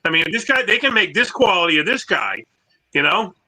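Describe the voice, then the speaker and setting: A man chatting casually as co-host of a collectibles show, rambling with halting restarts, his voice clipping and distorted through a phone mic. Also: sits high, very animated, pushed and bright. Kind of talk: casual online show chat.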